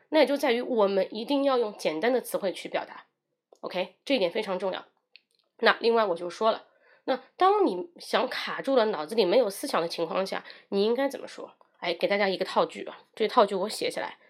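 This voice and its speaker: A woman's voice: mid-range voice, animated, fairly quick. Woman teaching English on a livestream. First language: Mandarin Chinese. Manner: switches between Mandarin and English, demonstrates phrases.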